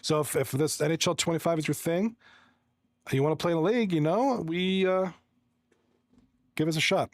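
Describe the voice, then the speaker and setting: A man's voice: a little high, normal speed, long pauses, no room sound, studio quality. A man from Toronto, an esports hockey commentator chatting casually on a livestream, friendly and rambling, reading the chat and running through stats. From Toronto, Canada. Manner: rambling, friendly, reads chat aloud and runs through stats with many restarts.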